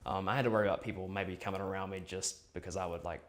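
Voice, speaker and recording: A man's voice: low-pitched, steady tone, rapid-fire. A young man talking casually in an interview, hesitant, with many fillers.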